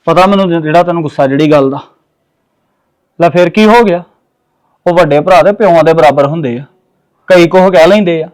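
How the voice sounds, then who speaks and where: A man's voice: a little high, fairly quick, long pauses, darkish tone, natural voice. A man playing a fatherly elder brother who lectures his younger brother in a family drama. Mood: reproachful. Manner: reproachful, lecturing. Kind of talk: Punjabi family drama acting.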